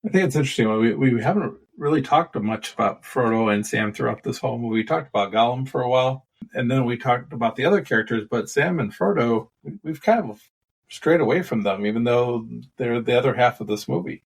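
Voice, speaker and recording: A man's voice: mid-range voice, fairly quick, vocal fry, husky. Male podcast co-host, thoughtful questioning tone, casual chat. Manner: musing, questioning.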